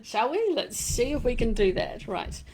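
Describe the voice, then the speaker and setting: A woman's voice: a little high, sing-song, normal speed, a little mellow. Chatty New Zealand woman gushing over crystals. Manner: chatty and rambling, many fillers, gushing "fabulous" and "beautiful". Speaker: crystal and essential oil live-stream host. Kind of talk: casual live-stream chat. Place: home room. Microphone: desk microphone she turns around.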